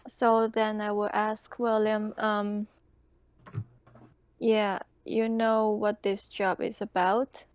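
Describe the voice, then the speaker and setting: At the table, a woman plays a tabletop role-playing game, speaking in character and chatting with hesitant phrasing. Her medium-pitched voice is flat, slow and smooth, and the recording carries no room sound.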